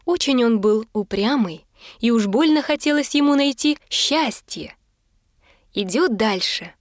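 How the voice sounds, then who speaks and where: A woman narrating a fairy tale as a storyteller, in a measured, gentle way. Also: fairly high pitch, no echo, studio quality.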